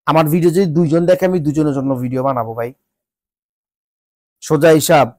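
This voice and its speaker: High-pitched Bangladeshi man, stuffy-nosed and exasperated. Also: fairly even intonation, normal speed, darkish tone, no room sound, studio quality. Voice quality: nasal, congested stuffy nose. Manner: exasperated, scolding, repeats rhetorical questions. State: sick with a cold, voice changed. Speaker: vlogger. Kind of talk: informal rant to viewers.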